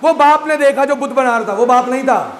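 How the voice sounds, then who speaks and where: A man with a very high voice delivers a Muharram majlis sermon, putting rhetorical questions to his listeners. His voice rings through a large echoey hall, with faint room ambience behind it. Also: slight background noise. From Pakistan. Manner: rhetorical, asks the audience questions. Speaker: Shia majlis speaker.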